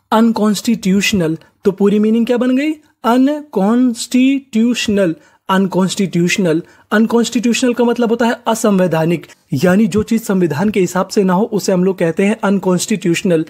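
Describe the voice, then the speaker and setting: Male tutor, young adult, warm and relaxed tone, slow patient drilling of syllables with question-and-answer repetition. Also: high-pitched. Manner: patient, repeats each syllable and asks the class to answer. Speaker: English teacher. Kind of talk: step-by-step spelling lesson.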